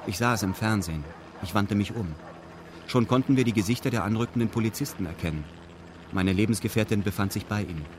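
Clear ambient noise runs under a male narrator reading a scripted radio drama. His voice is fairly low, and he delivers the lines in a formal, matter-of-fact way.

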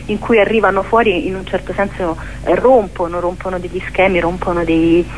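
A woman's voice: on the low side, steady tone. Hesitant woman radio interviewer, noisy recording. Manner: hesitant, searches for words, many pauses. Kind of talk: reflective literary interview. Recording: clearly noisy, humming background.

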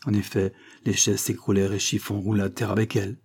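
A man reading a novel aloud in steady scripted narration. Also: lowish voice, fast, slightly rough. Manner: steady storytelling. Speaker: audiobook reader.

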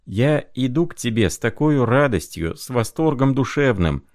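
A man voicing a tender, excitable young male clerk in a storybook reading, speaking in a pleading, heartfelt way, higher than his own voice. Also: moderate pace, no room sound, clean studio sound, close to an everyday voice. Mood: earnest.

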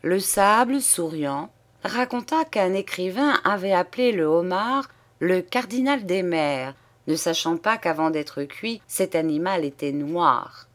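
A woman narrating a classic short story in a measured, deliberate literary reading. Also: lowish voice, lively intonation. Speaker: audiobook narrator.

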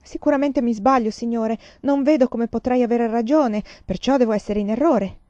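A calm, evasive fortune-telling nun who answers softly and with deference, voiced by a woman reading a novel aloud. The tone is dark and mellow. The storybook recording is dry and dull. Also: a little high, moderate pace, no room sound, voice pushed up, natural voice. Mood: apologetic. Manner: soft, hesitant and deferential.

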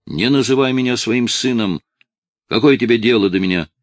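A man voicing a desperate, tearful eighteen-year-old male addict who shouts and pleads with his father, in a dry, close recording. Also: medium pitch, normal speed, no room sound, close to an everyday voice. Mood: agitated.

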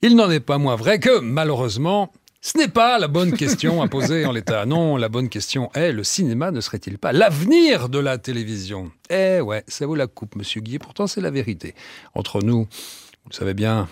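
A man's voice: medium pitch, sing-song, moderate pace, dry recording. A man delivering a comic radio chronicle in a theatrical, mock-solemn way. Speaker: radio comedy columnist.

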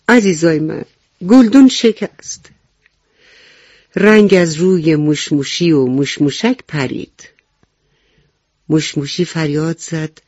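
A man telling a story to children, animated and speaking directly to his young listeners. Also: a little high, no room sound. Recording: dull lo-fi recording, faint music.

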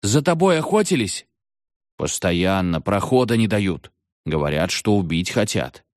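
A man voicing a seventh-grade schoolboy who shouts urgently down a payphone. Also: sits low, big pitch swings, no room sound, studio quality. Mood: ominous. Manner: loud, urgent, hurried shouting. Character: excitable schoolboy on a payphone, about thirteen.

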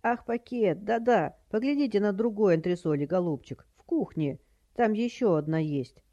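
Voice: mid-range voice, expressive, moderate pace, warm tone, dull audio, voice pushed up, close to an everyday voice. A narrator voicing a feeble old woman who plays senile, with a quavering, doddering voice and a fussy, dithering manner.

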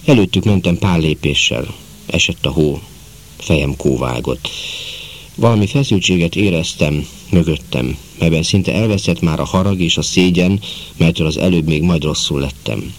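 A man reading a novel aloud in calm, measured narration, voicing the characters in dialogue. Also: sits low. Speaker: audiobook narrator.

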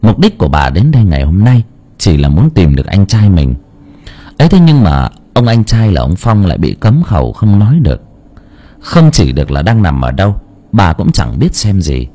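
A man narrates an audiobook story in a low, husky voice. His delivery is mellow and steady, with a lively pitch. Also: moderate pace.

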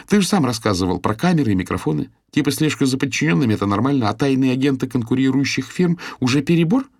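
A man's voice: medium pitch, animated, darkish tone, no echo, studio quality, voice pushed up. A man reading an audiobook and voicing a bossy, indignant young woman with a raised, emphatic voice. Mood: eager. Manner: raised, emphatic, quick in scolding.

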